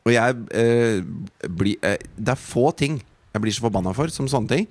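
A man's voice: medium pitch, lively intonation. A man, co-hosting a podcast and telling a story in an indignant, profane way. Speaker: podcast co-host. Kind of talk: casual chat.

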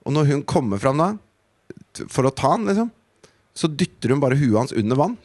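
A man's voice: mid-range voice, big pitch swings, darkish tone, dry recording. A man, co-hosting a podcast and telling a story in an indignant, profane way. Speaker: podcast co-host. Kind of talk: casual chat.

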